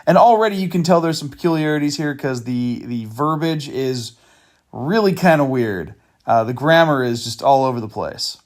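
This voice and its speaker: A channel host exposing a scammer talks casually through chat screenshots in a medium-pitched voice with lively intonation at normal speed. His delivery is loose and meandering, with fillers, restarts and dry, sarcastic asides.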